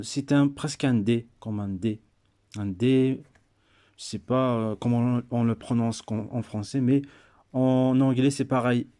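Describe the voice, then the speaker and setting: Man, slow unhurried delivery, hesitant with frequent fillers, patient teacher, alphabet lesson. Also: mid-range voice, a little mellow.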